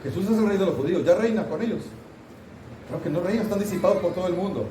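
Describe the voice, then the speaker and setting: A man's voice: high voice, quick pace, warm tone, distant mic, slight background noise. A pastor teaching a Sunday school Bible class, talking casually with his students and asking them questions, recorded in a church room. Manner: conversational, asks the class questions, mock scolding asides. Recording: roomy church hall, voice from off-mic.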